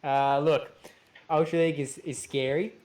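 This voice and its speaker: A man commentating a live game match, friendly and quick to laugh. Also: a little high, steady tone, a little mellow. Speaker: esports caster.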